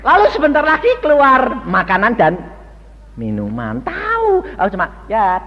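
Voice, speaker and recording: The same older preacher, heard lo-fi in an echoing church hall, speaks at a moderate pace with a very high voice and wildly swooping pitch. He tells his sermon folksy-style, voicing characters' dialogue and quizzing those gathered.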